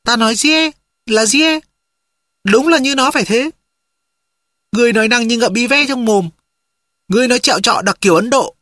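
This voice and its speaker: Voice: medium pitch, moderate pace, long pauses, bright, forceful tone, no room sound, studio quality, natural voice. A reader voicing a talking male tiger from an audiobook, blunt and proud, answering in curt challenging replies. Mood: indignant. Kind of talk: audiobook dialogue.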